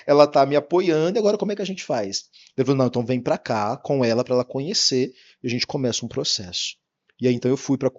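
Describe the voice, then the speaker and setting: Fast-talking Brazilian man telling his story. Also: mid-range voice, highs cut off. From Paraná, Brazil. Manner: lively, acts out dialogue with quoted voices, laughs often. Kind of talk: animated storytelling interview.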